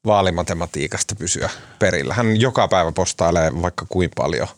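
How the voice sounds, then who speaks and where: A man hosting a podcast, asking questions in a lively, playful way during casual discussion. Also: sits low, dry recording, clean studio sound.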